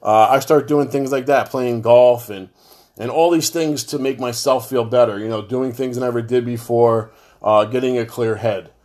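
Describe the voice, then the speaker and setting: A man's voice: medium pitch, fairly even intonation, moderate pace, darkish tone. A middle-aged man, talking straight to his fans in a personal monologue, blunt and heavy-hearted, swearing freely. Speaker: show host talking to fans.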